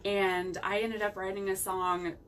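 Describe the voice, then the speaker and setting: A woman's voice: mid-range voice, flat delivery, measured pace, fairly bright tone. A woman from West Virginia with a Midwestern American accent, chatting casually as a musician guest in an interview. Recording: distant mic, faint background noise.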